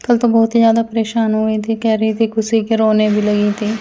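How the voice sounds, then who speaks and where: A woman's voice: a little high, monotone, fairly quick, warm tone, slight background noise. A woman narrating a casual family vlog at home, chatting to viewers as friends while feeling unwell. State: unwell, tired. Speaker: family vlogger.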